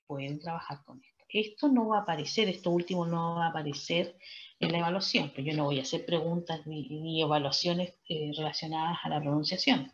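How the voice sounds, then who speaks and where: A woman gives an online English lesson in a fairly low voice. She keeps checking in with her students after almost every phrase. The sound is dull and lo-fi, like an online class recording. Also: steady tone, fairly quick. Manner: peppers speech with "¿cierto?" and "¿ok?". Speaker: English teacher.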